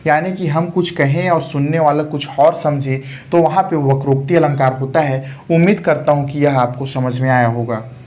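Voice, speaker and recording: A man's voice: a little high, moderate pace, darkish tone. A man teaching a grammar lesson, explaining terms step by step, repeating key words and asking rhetorical questions before answering them.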